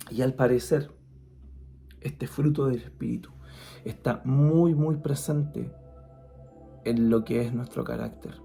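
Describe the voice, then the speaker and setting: A man gives an earnest devotional talk, his voice gravelly and dark. He speaks conversationally and restarts often. Soft music plays faintly underneath. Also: mid-range voice. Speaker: guest speaker.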